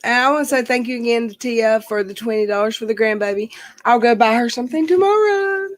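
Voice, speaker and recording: A woman's voice: a little high, animated, fast, no room sound, poor audio. Chatty woman in her forties, dry close sound. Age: 40s. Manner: chatty, reads out viewer comments. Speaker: stream host. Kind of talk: casual livestream chat. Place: outdoors near her house.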